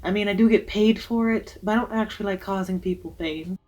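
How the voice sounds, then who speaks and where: A woman's voice: mid-range voice, a little fast, darkish tone, soft background music. A young woman who works as a waxer, giving casual, emphatic advice with jokey asides in a vlog.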